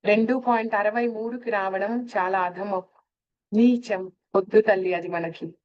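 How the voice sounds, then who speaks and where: A woman's voice: medium pitch, steady tone, measured pace, highs cut off. Woman giving a devotional lecture. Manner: asks listeners rhetorical questions, addresses them fondly. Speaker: devotional speaker. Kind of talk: spiritual lecture on scripture.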